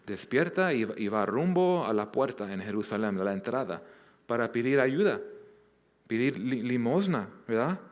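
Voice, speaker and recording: A man's voice: medium pitch, sing-song, normal speed. A man pastor teaching a Bible passage verse by verse, earnest, often restarting and repeating words. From Southern California. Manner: earnest, with many restarts and repeated words, acting out quoted lines.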